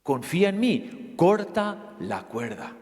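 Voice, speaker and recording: A man voicing God as a calm, commanding male figure who gives slow, low, hushed commands. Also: exaggerated voice. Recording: long church reverb.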